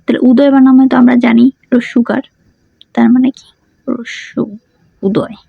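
A woman's voice: fairly high pitch, level tone, moderate pace, vocal fry, breathy edge, no room sound. A woman teaching a grammar lesson. She asks questions and answers them herself, and she repeats the key words. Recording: dull muffled sound, dry.

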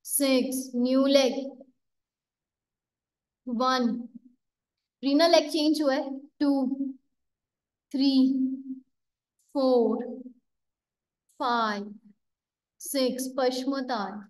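High-voiced woman counting workout reps. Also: fairly even intonation, very slow, pauses often, roomy sound, low-quality recording. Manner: counting reps, calling exercises, correcting participants by name. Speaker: fitness instructor. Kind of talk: live workout class instruction.

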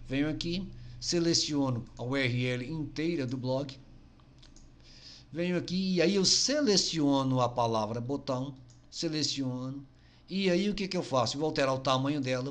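A man explaining a software tutorial step by step, often saying "look" and "see". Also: fairly high pitch. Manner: chatty, keeps saying "olha" and "tá vendo"; step-by-step explaining while clicking. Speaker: blogging tutorial host. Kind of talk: screen-recorded software tutorial.

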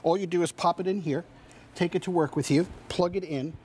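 In a TV studio kitchen set, a middle-aged chef and culinary consultant demonstrates a product for home shopping with enthusiasm and emphasis. His voice sits high with a steady, darkish tone and moves a little fast, over slight background noise.

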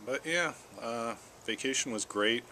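A middle-aged American man chatting casually to camera in an unhurried, halting way, puffing on a pipe between phrases. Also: mid-range voice, sharp tone, poor audio. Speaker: vlogger. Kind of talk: casual rambling solo chat. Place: outdoors in a backyard garden. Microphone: camera at about arm's length or a little more. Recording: clear outdoor background noise.

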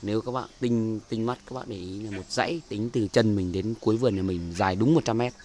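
His voice is lowish, brisk and a little mellow as he casually narrates a walk through his bird aviary outdoors. The Northern Vietnamese speaker is chatty and filler-heavy with repeated words, captured on a handheld camera mic with slight background noise.

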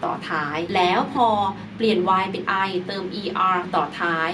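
A woman's voice: lowish voice, moderate pace. A woman teaching an English grammar lesson, speaking patiently, repeating points and spelling words out letter by letter. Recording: distant mic with clear background noise.

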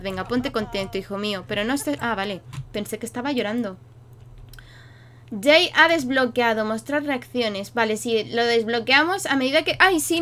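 A bright, forceful voice that sits high belongs to a young woman playing a life-sim game on YouTube. She chats playfully to her viewers and speaks to her characters in an easygoing commentary style.

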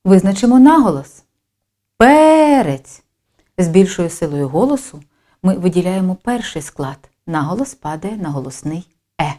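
A woman reads out a scripted lesson for young pupils, her pitch moving up and down a lot to mark each sound. Her voice is warm and mellow, and she speaks slowly and deliberately, stressing every syllable. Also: expressive. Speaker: teacher. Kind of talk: scripted primary-school phonics lesson.

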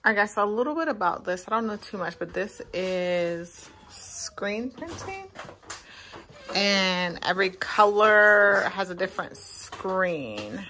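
A woman's voice: mid-range voice, slow, noisy background. A woman in her thirties, vlogging casually and talking to viewers like a friend, filmed with a phone at arm's length in a parked car. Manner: chatty, relaxed, speaks to viewers as a friend. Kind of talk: casual vlog talk. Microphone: phone camera at arm's length.

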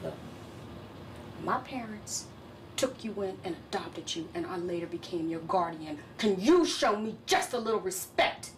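A woman's voice: fairly low pitch, expressive, unhurried, far from the mic, slight background noise. An actress playing a defensive guardian who scolds and pleads with the young man she raised, in an indie film drama. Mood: scolding.

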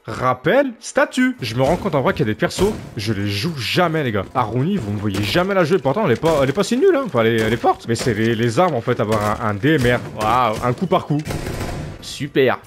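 A man's voice: medium pitch, very animated, brisk, background noise. A man giving casual gameplay commentary from his home setup, grumbling and exasperated at his teammates. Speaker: gaming video creator.

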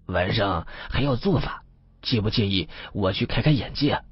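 A man's voice: lowish voice, animated, normal speed, husky, no echo. A man voicing a curious, jovial middle-aged police detective who talks in a chummy, colloquial way. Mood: curious, teasing. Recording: slightly muffled with faint music.

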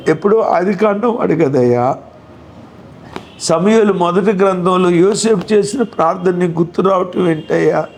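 A man's voice: high-pitched, normal speed, darkish tone, a little hiss or hum. Impassioned male pastor preaching. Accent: Telugu. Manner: impassioned preaching with rhetorical questions to the congregation. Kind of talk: sermon.

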